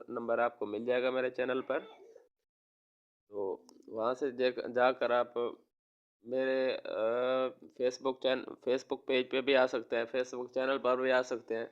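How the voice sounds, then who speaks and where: A man from Pakistan, a teacher giving a recorded lesson to young children, slowly spelling out words and repeating them. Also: medium pitch, dull audio. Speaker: online school teacher.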